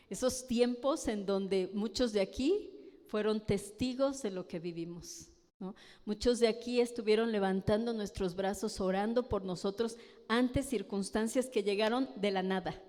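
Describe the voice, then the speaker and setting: A woman's voice: mid-range voice, a little mellow. A woman preaching a sermon in a Mexican Spanish accent, speaking emphatically and often asking the congregation questions, heard in a church hall. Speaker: pastor's wife preaching. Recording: long church-hall reverb.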